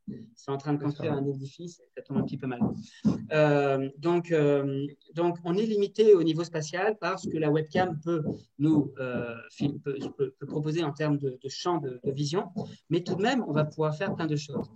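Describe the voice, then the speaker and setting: A woman teacher trainer leading an online workshop, lively and directive, often checking in with the group over a video call. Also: low voice, moderate pace, lo-fi sound. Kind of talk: online workshop on classroom activities. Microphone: computer mic on a video call. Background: building works next door.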